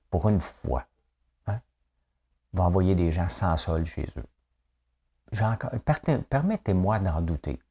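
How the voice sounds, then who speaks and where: A Québécois man talks through the day's news on his own, chatty and loose, tossing in little tag questions and exclamations. His voice sits low, with a dark, mellow warmth. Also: vocal fry, breathy edge. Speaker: morning news commentator. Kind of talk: casual solo commentary.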